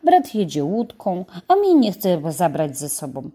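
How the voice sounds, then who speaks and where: Kobieta czytająca jako uparty, przejęty chłopiec. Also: female voice, lowish voice, huge pitch swings, unhurried, mellow, full character voice. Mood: indignant. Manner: pleading, insistent. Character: eager stubborn little boy.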